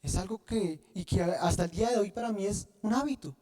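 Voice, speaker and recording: Guy preaching, soft dark tone, keeps asking the church to finish his sentences. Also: high voice, fairly quick. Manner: asks the congregation to fill in words; repeats and restarts often. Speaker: pastor. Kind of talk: sermon.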